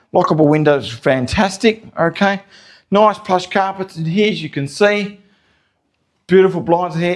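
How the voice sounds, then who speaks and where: An Australian man with a slightly high voice presents a property as a real estate agent. He talks informally and in a salesy, folksy way to viewers. His voice echoes through empty rooms as he walks around. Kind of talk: informal property walkthrough commentary. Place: empty house interior, walking between rooms.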